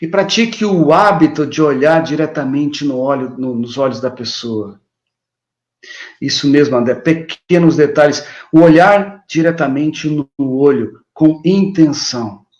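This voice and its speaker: A man's voice: medium pitch, a little slow, a little mellow, highs cut off. Man with a Brazilian accent in a roomy space. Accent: Brazilian Portuguese. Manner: addresses the listener directly, coaxing and repetitive. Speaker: self-help speaker. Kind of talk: motivational self-help talk. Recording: roomy, echoey room sound.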